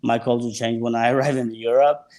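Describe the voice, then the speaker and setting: Gravelly man. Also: mid-range voice, a little fast. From El Salvador. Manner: relaxed, searching for words. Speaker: sommelier and winemaker guest. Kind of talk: casual interview chat.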